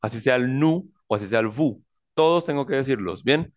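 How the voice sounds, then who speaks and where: A man teaching a French grammar class in a slow, deliberate lecture, often repeating himself and checking in with his students. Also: medium pitch, animated.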